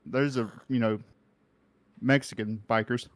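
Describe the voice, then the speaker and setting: A man's voice: medium pitch, steady tone, unhurried, dry recording, close to an everyday voice. A man playing a bumbling washed-up male news anchor with a Southern accent, blunt and rambling in an improvised comedy bit. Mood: grumpy. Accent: American Southern. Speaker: comedy podcast co-host.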